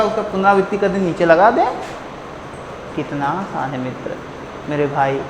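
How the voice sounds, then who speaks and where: A man teaching a Hindi grammar lesson in a playful, joking way, warmly calling his listeners friends and drawing out words to demonstrate them. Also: sits high. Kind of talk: online classroom lesson. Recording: echoey room with long reverb and faint noise.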